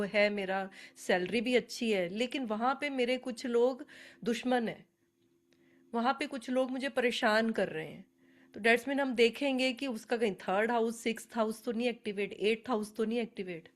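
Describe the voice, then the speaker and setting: A woman's voice: fairly high pitch, moderate pace. Chatty woman teaching astrology. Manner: chatty, earnest, addresses attendees by name. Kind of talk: live online webinar teaching. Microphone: video call.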